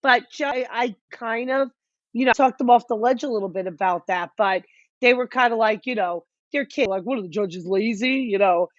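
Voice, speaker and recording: A woman's voice: fairly high pitch, moderate pace, no echo, lo-fi sound. A woman co-hosting a podcast, a color guard instructor who tells a story in casual chat. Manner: storytelling, animated retelling.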